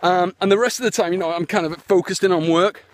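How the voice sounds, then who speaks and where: He talks quickly in a fairly high voice with fairly even intonation. The speaker, an internet marketer, is out walking his land and live-streaming a vlog on his phone, rambling along with plenty of fillers and restarts.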